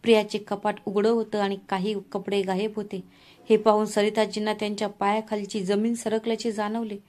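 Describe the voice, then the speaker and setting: A woman narrating a scripted family drama in a steady, dramatic storytelling manner. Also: mid-range voice, brisk.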